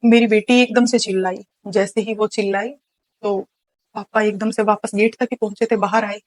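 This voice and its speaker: A woman's voice: mid-range voice, little pitch movement, normal speed, dry recording, low-quality recording. A young woman from Haryana, telling her life story as an interview guest, earnest and full of restarts. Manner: earnest, recounting events with many restarts and quoted dialogue.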